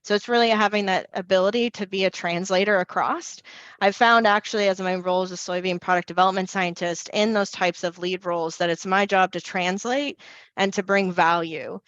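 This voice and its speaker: A woman speaks briskly on a video call panel, her voice dry and close with little room sound. The audio is a little muffled, as is typical of call audio. She talks with energy and restarts her sentences often. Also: mid-range voice, steady tone, a bit bright, dry recording. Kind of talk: online panel discussion.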